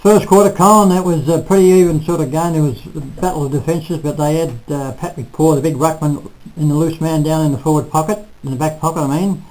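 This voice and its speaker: An older man reviewing a local football match in casual, halting talk full of restarts, recorded on a close webcam in a small room. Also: a little high, steady tone, darkish tone, poor audio. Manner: rambling, halting, self-correcting. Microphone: webcam at close range.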